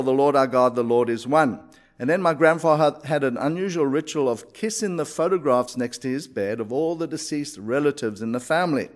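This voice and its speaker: Give me a man of middling pitch telling his life story in a measured, reflective way with hesitations. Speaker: speaker sharing his faith story. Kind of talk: personal testimony.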